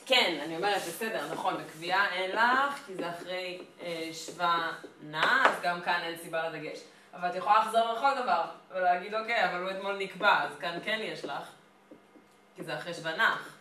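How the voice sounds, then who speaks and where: A woman's voice: lowish voice, pushed and bright, a little hiss or hum. A woman teacher giving a classroom grammar lesson, explaining patiently step by step. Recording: echoey classroom from far off.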